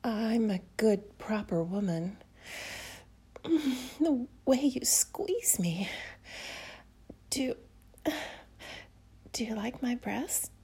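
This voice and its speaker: A woman's voice: medium pitch, animated, measured pace, darkish tone, husky. A young woman acting a proper, easily flustered young time traveler in an audio roleplay, speaking breathily and often dropping to a whisper. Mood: breathy whisper. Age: young adult.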